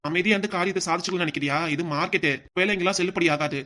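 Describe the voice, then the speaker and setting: A gruff vegetable seller at a market in a cartoon, played by a man, loud and forceful in his brisk delivery. He speaks a southern Tamil Nadu dialect. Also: high voice. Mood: angry. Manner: loud hawking, then harsh scolding. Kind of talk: cartoon voice acting.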